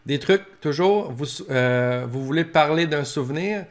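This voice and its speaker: This man's unhurried, slightly high voice carries a Québécois French accent. As a professor, he offers family caregivers informal, practical advice in everyday language, explaining and acting out short examples.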